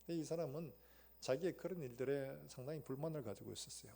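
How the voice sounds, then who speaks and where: A male pastor preaching a sermon, retelling a story and acting out its quoted lines with sudden loud bursts. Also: mid-range voice, fast, gravelly. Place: church sanctuary.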